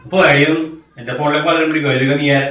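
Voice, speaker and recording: Man as a fast-talking cruel husband. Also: on the high side, steady tone, fairly bright tone, natural voice. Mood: contemptuous. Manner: rapid, scolding, contemptuous. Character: arrogant, cruel husband who cheats. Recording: echoey room.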